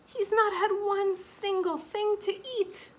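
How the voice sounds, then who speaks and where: A woman voicing a flustered busy mother in a picture-book story, exclaiming loudly and high. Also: sing-song, slow pace. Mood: fond.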